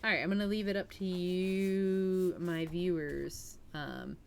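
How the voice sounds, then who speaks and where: On her livestream, a woman with a fairly low, creaky voice speaks slowly in a steady tone. She reads aloud like a storyteller and chats informally with her audience, with some faint background noise present.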